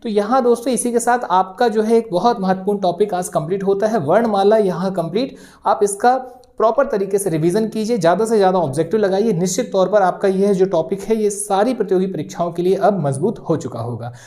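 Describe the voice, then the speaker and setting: A woman with a warm, mellow voice gives an exam-prep grammar lesson. She explains each point steadily and repeats the key terms so students can write them down. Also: medium pitch, a little fast. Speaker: teacher. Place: video lesson recording.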